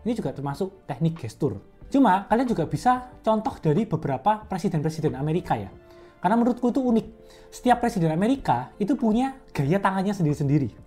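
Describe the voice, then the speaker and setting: A woman's voice: mid-range voice, sing-song, quick pace, warm tone, faint music behind. Chatty young woman giving speaking tips. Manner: chatty and conversational, explains step by step. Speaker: public speaking coach. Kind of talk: casual educational vlog.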